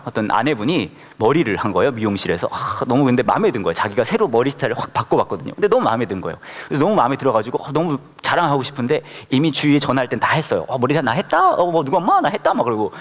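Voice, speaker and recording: A man preaching a sermon at a worship service in an animated manner, often putting questions to the congregation. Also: mid-range voice, rapid-fire, hardly any pauses, big-room sound. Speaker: pastor.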